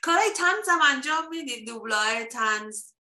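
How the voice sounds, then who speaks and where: Woman, interview host, polite, encouraging, slightly high voice, roomy echo. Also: animated, bright, forceful tone. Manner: polite, encouraging, laughs often. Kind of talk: interview questions. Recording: echoey room.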